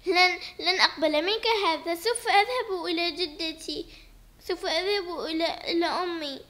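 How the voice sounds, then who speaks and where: High, loud, defiant daughter for a toy doll play, voiced by a woman. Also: normal speed. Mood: upset. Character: stubborn grieving young daughter, defiant.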